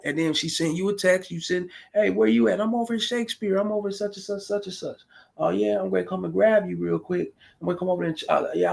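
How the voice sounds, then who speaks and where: A man's voice: on the high side, gravelly. A man in his forties giving blunt, profane, rambling street-style commentary on a stream. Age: 40s. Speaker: streamer reacting to a video.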